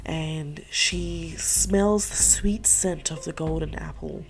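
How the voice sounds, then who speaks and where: A woman's voice: deep voice, slow pace, vocal fry, soft background music. A woman podcast host retelling a folktale in a chatty, profane way, full of "like" and side remarks. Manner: profane, chatty, many likes and asides. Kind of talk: casual storytelling.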